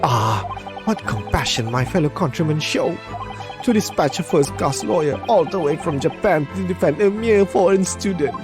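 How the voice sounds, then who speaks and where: A woman reading a game script aloud, voicing an excitable, theatrical young male poet prisoner who speaks in grandiose, alliterative phrases. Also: moderate pace. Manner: grandiose, alliterative, lurching pitch leaps. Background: game music.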